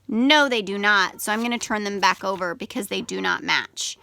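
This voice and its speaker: A woman teacher giving step-by-step instructions to young children in simple, deliberate phrases, stressing example words and sounds. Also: mid-range voice, creaky, bright, forceful tone, no echo. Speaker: elementary school teacher. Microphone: video camera.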